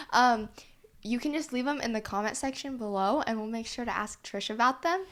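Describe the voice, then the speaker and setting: A young woman hosting a casual interview podcast, asking questions steadily and laughing along. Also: on the high side. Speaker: podcast host.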